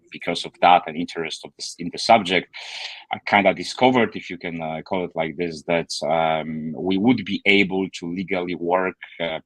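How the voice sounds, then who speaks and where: Deep-voiced man, hesitant. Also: fairly bright tone, no echo, rough recording. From Poland. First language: Polish. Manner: hesitant, many fillers and restarts. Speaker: guest author. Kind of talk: casual interview storytelling.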